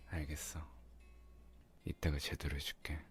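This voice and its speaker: A man playing a doting, teasing young boyfriend in an intimate ASMR ASMR role-play, murmuring softly and coaxingly close to the microphone. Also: a bass voice. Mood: hushed, teasing. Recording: music behind the voice.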